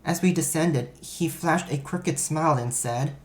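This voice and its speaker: A man's voice: fairly high pitch, unhurried. A man reading a first-person story aloud, in a wry, self-mocking storytelling manner. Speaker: narrator.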